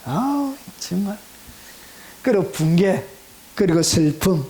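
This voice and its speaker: A middle-aged male pastor delivering a sermon, swinging between loud, excited exclamations and hushed asides to the congregation. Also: high voice, slow pace.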